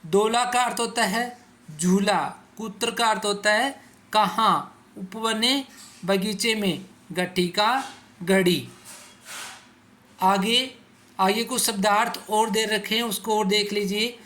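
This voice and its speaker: A male schoolteacher talks his pupils through a vocabulary lesson at an unhurried, deliberate pace. His voice is bright and forward, and he poses questions only to answer them himself. He says each word slowly so the class can repeat it after him. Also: high-pitched. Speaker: teacher. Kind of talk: classroom explanation for school students.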